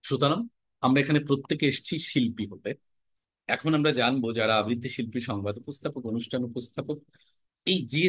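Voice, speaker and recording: A young man from Bangladesh teaching a class on recitation and speech, lively and animated, often dropping into regional dialect examples. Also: mid-range voice, no echo. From Jhenaidah, Bangladesh. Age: young adult. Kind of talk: classroom lecture.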